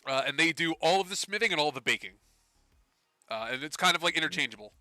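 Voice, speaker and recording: Bright, chatty man running a tabletop game. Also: on the high side, expressive, fast, no room sound, studio quality, soft background music. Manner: loose, chatty, laughs often, restarts phrases. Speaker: game master. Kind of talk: narrating a tabletop game on a live stream.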